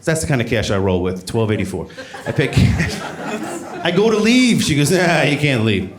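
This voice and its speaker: A man performing observational stand-up comedy, telling stories in an animated way and acting out exchanges. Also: mid-range voice, moderate pace, crowd noise. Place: live comedy show before an audience. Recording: echoey room, clear background noise, live audience.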